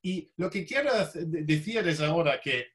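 A man who is not a native Spanish speaker gives an academic talk with a foreign accent, halting and often searching for words. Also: fairly high pitch, lively intonation, a bit bright. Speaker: law professor, visiting lecturer.

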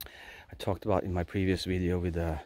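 A man's voice: deep voice, little pitch movement, fairly quick, a little mellow, no room sound, low-quality recording. A Norwegian man in his forties with a Norwegian accent, talking earnestly into a phone held at arm's length in a pine forest, with frequent restarts. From Norway. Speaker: vlogger. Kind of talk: casual philosophical monologue.

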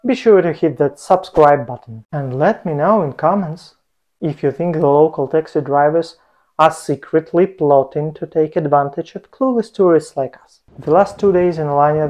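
A man's voice: on the high side, darkish tone. Playful man vlogging with a lapel mic. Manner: playful, jokey asides. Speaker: travel vlogger. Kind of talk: scripted travel vlog narration. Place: home room, indoors.

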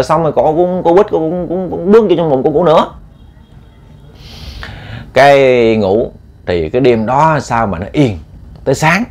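Man, ghost story narration, colloquial and repetitive, middling pitch.

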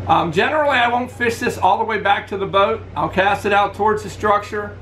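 In a casual gear review shot in his living room, a middle-aged fishing channel host holds lures up to his webcam and talks a little fast. His tone is relaxed and practical, and his voice sits fairly high for a man. The audio quality is poor, with a faint hum from an air conditioner.

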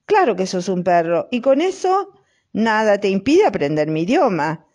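Woman voicing a patient storybook cow, Rioplatense accent, lively pitch. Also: normal speed. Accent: Rioplatense Spanish. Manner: patient, instructive. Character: patient matter-of-fact female cow.

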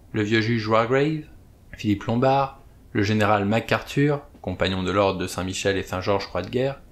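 Man reading an audiobook aloud. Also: lowish voice. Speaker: audiobook reader. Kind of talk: scripted audiobook narration.

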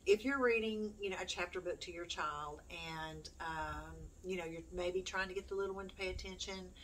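A fairly low-pitched woman talks at a moderate pace, a middle-aged homeschooling mom rambling to her YouTube audience with self-deprecating humor. The setting is a small room in her home. Her distant mic also catches a noisy room.

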